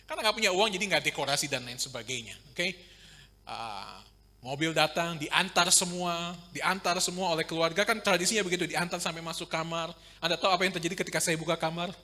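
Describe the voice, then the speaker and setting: A middle-aged man preaching a sermon as pastor, telling stories and dropping from loud passages to hushed, quiet ones. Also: a little high. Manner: storytelling, swings from loud to very quiet. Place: church prayer meeting hall. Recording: long hall reverb.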